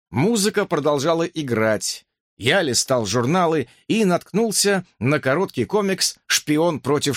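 A man reading a first-person audiobook in a lively, expressive storytelling manner. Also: mid-range voice, no echo, clean studio sound. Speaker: audiobook narrator.

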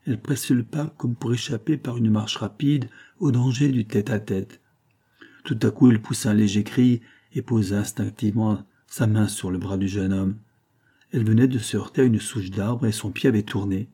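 A man narrating an old novel aloud with steady, measured phrasing. His voice sits low and dark, with a husky grain. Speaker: audiobook reader. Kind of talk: reading a 19th-century novel aloud.

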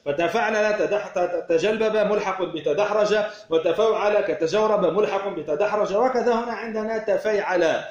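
A man explains a verse text line by line, teaching Arabic word patterns, repeating key words and answering questions he poses himself. His voice sits high and moves at normal speed with few pauses, recorded in an echoey room with dull audio.

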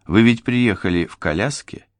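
A man's voice: fairly low pitch, moderate pace, dry recording, voice pushed up, close to an everyday voice. Anne, a scornful young woman, as a male reader voices her. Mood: calm. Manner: cold, cutting replies. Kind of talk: audiobook character voice.

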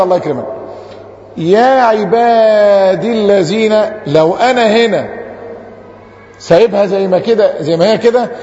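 An Egyptian man gives a classroom grammar lesson in a notably high voice. He draws out each quoted verse slowly and keeps checking with rhetorical questions. The recording is dull and muffled, with long reverb from a big hall. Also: a little mellow. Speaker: Islamic scholar teaching.

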